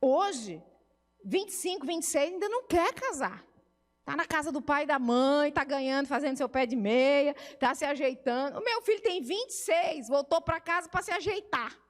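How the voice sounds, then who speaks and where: High-voiced Brazilian woman in an echoing hall. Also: animated, normal speed. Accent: Brazilian Portuguese. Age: middle-aged. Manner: conversational teaching, acts out family dialogues. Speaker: family therapist. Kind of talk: church family seminar talk. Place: church hall. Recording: reverberant church hall.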